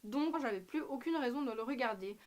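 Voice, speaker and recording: A young woman with a fairly high voice chats to her camera in a loose, unscripted vlog. She plays up her delivery with ironic, exaggerated emphasis, drops in slang and fills pauses with lots of ums. It sounds like a home room recorded on the camera's own mic. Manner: animated, ironic, exaggerated, slangy, many fillers. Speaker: anime vlogger.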